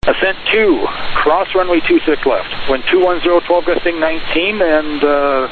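A man working as an air traffic controller, calling headings and clearances over the radio in a brisk, clipped, procedural way. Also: on the high side. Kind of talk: aviation radio communication, clipped instructions. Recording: tinny radio channel with clear hiss.

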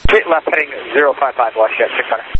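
Male pilot, quick clipped readbacks over a staticky headset radio, narrow tinny sound. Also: mid-range voice, sharp tone. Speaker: airline pilot. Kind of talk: radio exchange with air traffic control.

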